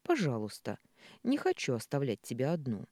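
Brief: reader as a tired middle-aged father, calm and reasoning, warm dry tone. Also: mid-range voice, normal speed, no echo. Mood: weary. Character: gentle middle-aged man, patient weary father. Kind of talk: audiobook character voicing.

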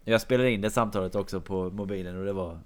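A man's voice: deep voice, clear, resonant tone. A man telling a long, meandering anecdote in casual chat.

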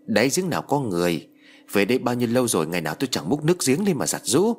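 A man voicing a middle-aged village wife who scolds her husband briskly in an audio story. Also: mid-range voice, very animated, breathy edge. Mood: scolding.

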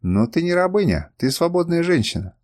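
Man playing a steady commanding warrior in an audiobook, restrained but lively in tone. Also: a little high, a little fast, voice pushed up. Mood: firm. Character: calm resolute male warrior. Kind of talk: audiobook reading.

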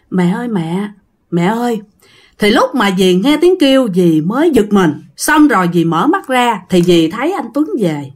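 A woman with a Southern Vietnamese accent telling a ghost story in a chatty way, speaking straight to her listeners. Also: fairly high pitch. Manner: chatty, addresses listeners directly.

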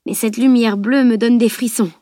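A woman's voice: a little high, fairly even intonation, moderate pace, dark tone, dry recording, studio quality, natural voice. A woman reading an audiobook, voicing an earnest, modest young male art student who is unsure but brave.

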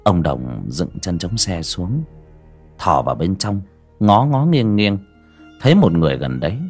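A man narrating a story for an audiobook site in an expressive, scripted reading. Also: low voice, measured pace, husky. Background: faint music bed.

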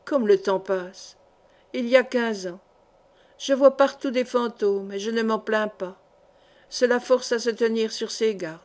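A woman reading the part of a cunning, sneering middle-aged male seneschal in an audiobook, in a measured, calculating way. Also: fairly high pitch, close to an everyday voice. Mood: musing. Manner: sly, sneering.

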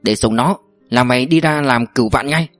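A man's voice: medium pitch, brisk, a bit bright, no room sound, soft background music, natural voice. A man reading an audiobook voices a crafty older security chief who talks bluntly and bossily. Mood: scheming. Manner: blunt, bossy. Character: sly older male security chief, scheming.

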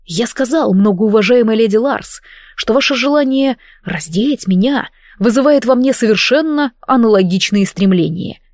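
A woman's voice: a little high, animated, moderate pace, a little mellow, no echo, clean studio sound, natural voice. A woman reading a mocking young prince. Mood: teasing.

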